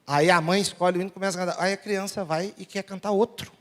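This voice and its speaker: Male pastor with a high voice, preaching with humor in a big reverberant church. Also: steady tone, fast talker. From Brazil. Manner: storytelling, humorous, acts out dialogue. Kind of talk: sermon. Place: large church sanctuary. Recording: long church hall reverb.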